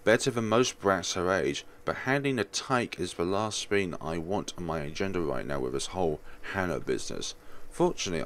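A man's voice: low voice, a bit bright, a little hiss or hum, heavily acted. A man voicing a fussy, vain, sardonic rich man from a visual novel in a theatrical, pompous grumble.

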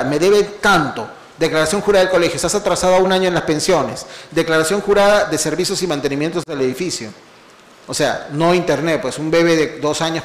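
A man giving a lively seminar lecture, full of rhetorical questions and long spoken lists. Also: fairly high pitch, reverberant. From Peru. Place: lecture hall.

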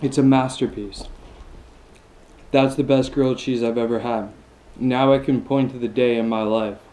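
A man's voice: medium pitch, fairly even intonation, normal speed, mellow, a little hiss or hum. A man in his twenties giving a casual mukbang tasting review, enthusiastic and chewing between lines with long mmm sounds. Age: 20s. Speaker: food vlogger.

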